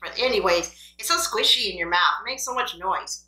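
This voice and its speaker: A woman with a bright, forward voice chats casually to camera during a mukbang. She talks between bites and mutters playfully to herself and her food. The room adds a noticeable echo. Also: medium pitch, fairly quick. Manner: talks between bites with small appreciative mm sounds; playful self-talk, grumbling at the food. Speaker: mukbang vlogger. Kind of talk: casual chat to camera while eating. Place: room at home. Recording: roomy, echoing indoor sound.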